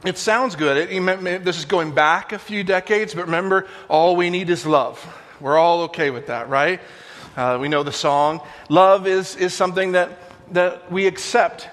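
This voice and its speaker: High-voiced pastor preaching in a hall. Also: male voice, a bit bright. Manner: conversational storytelling preaching with restarts. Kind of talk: sermon.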